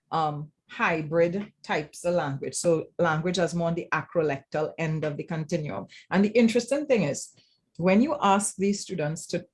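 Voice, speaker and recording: A husky, lowish, darkish female voice with a Trinidadian accent belongs to a panel speaker who lectures in academic writing. At this informal roundtable she explains things thoughtfully, checking in often with "right?". She comes from Trinidad and Tobago.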